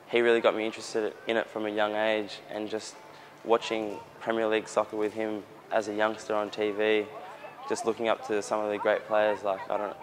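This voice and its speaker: A young Australian man answers interview questions outdoors, earnest and casual, often restarting his sentences. His voice sits low and stays level. Faint street noise runs behind him. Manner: earnest, with frequent restarts and fillers. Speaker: soccer player. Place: outdoors near a gym in a built-up area.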